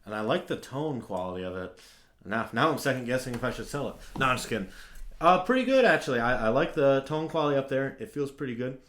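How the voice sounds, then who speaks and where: A young man giving a casual, relaxed review of a trumpet, with lots of fillers like "like" and "um". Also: medium pitch, fast, echoey room.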